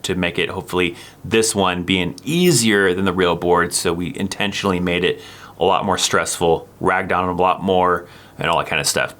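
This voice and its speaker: A man hosting his channel, casually talking over a recorded clip and laughing along as he explains it. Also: low voice. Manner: relaxed, rambling, laughs along. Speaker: channel host and former army sergeant.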